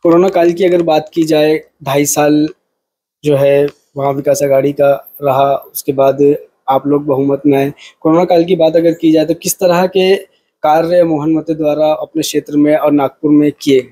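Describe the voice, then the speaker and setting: A man's voice: fairly high pitch, little pitch movement, moderate pace, mellow. A man working as a news reporter, asking long, winding interview questions with fillers.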